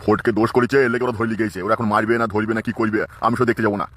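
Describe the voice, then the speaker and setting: An actor playing a grumpy, blunt older father-in-law in a comic cartoon, gruff and dismissive. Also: on the low side, level tone, racing, heavy background noise, natural voice.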